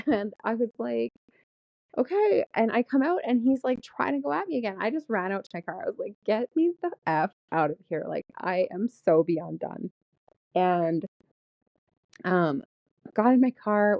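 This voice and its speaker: A chatty woman in her thirties tells a story straight to her viewers, mid-pitched and lively, breaking into laughs as she goes. The sound is dry and close, with a dull, slightly muffled edge. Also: normal speed, dry recording. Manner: chatty, animated, laughs often while telling. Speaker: vlogger. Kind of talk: casual storytelling to camera.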